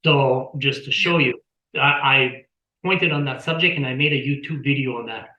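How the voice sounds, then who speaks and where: A man's voice: mid-range voice, moderate pace, bright, forceful tone, roomy sound, highs cut off. A man chatting as an interview guest on a video call, rambling, repeating words and telling anecdotes. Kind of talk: casual explanatory talk.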